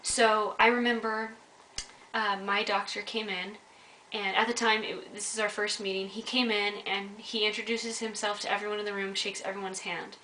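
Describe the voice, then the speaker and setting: A woman's voice: mid-range voice, level tone, normal speed, pushed and bright, recorded from a distance. A young woman telling her own story in a vlog, earnest and candid, speaking straight to her viewers. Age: young adult. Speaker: vlogger. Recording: echoey room, mic set back, faint hiss.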